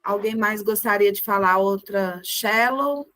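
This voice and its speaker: A woman teaching a group music lesson over a video call, encouraging the class and chanting words slowly in rhythm. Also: medium pitch, a bit bright, no room sound.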